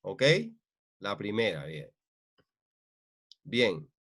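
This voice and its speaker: A man teaching an online grammar class, speaking in a halting way with many fillers and repeated checks for understanding. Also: low-pitched, fairly bright tone.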